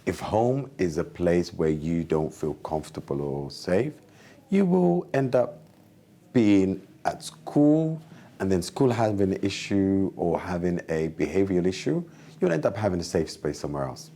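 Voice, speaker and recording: A man's voice: low voice, big pitch swings, measured pace, dark tone. A man in his forties, from Somalia and raised in the UK, an organisation founder speaking earnestly in an interview. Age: 40s.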